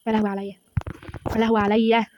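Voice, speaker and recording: A woman with an Egyptian accent gives rapid-fire commentary on a horror game, calling out to her viewers with dramatic exclamations. Her voice sits a little high and races along. A faint hiss sits under the recording. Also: little pitch movement, dull audio. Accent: Egyptian Arabic. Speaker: gaming streamer.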